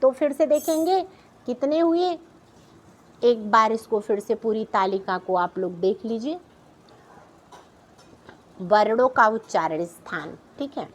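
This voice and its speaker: A woman's voice: fairly high pitch, lively intonation, takes it slowly, pauses often. A middle-aged woman teaching a class, patiently explaining a chart and repeating each sound, often checking in with her students.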